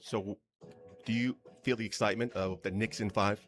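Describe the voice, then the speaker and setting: A man hosting a casual interview inside a collectibles shop, asking relaxed, joking questions. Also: lowish voice, moderate pace, faint music behind. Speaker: host.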